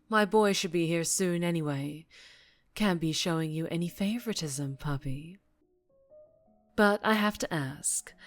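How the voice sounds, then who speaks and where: In an ASMR roleplay, a woman with a lowish voice plays a dangerously charming female mafia boss. She sounds coolly playful, teasing and condescending with a quiet, possessive menace.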